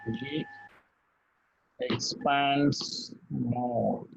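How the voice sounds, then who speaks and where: A man tutors physics one-on-one, patiently repeating key phrases and checking that his student follows. His mid-range voice is steady and very slow, with vocal fry. The highs are cut off, and there's slight background noise.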